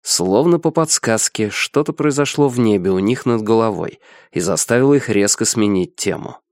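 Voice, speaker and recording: A man reading a science fiction story as a steady audiobook narrator. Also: on the low side, normal speed, dry recording, clean studio sound. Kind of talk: scripted narration.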